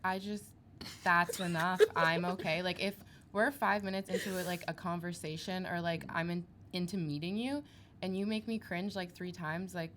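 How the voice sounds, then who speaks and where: A woman's voice: on the low side, fairly even intonation, moderate pace, a bit bright, slight background noise. A woman guesting on a casual podcast chat, speaking bluntly and matter-of-factly.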